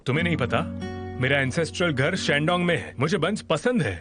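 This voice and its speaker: A man's voice: a little high, animated, brisk, over music, natural voice. A man dubbing a proud, stubborn man who insists on refusing help, in a drama. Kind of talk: Hindi dub of a drama.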